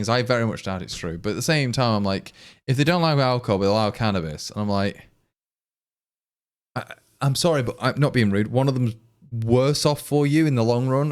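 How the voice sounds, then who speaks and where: Speaking briskly and expressively in a mid-range voice, this English programmer with an East Midlands accent rambles to his stream viewers in a casual, exasperated way. He keeps starting his thoughts over.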